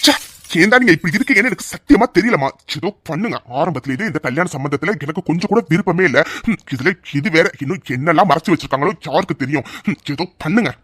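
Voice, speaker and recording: A haughty cartoon son protesting a family match in a quick, fairly high, clipped voice, as a man voices him. He sounds disdainful and impatient, recorded close and dry. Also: animated, a bit bright, slightly rough, dry recording. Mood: irritated. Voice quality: contemptuous, irritated. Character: proud, snobbish son objecting to a marriage. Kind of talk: cartoon voice acting.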